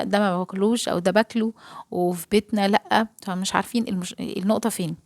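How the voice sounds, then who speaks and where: Egyptian lady rambling to her viewers while she cooks, quick talker, mid pitch. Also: no echo. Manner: chatty, rambling, talks straight to viewers. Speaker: home cooking vlogger. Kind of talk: casual chat over cooking footage.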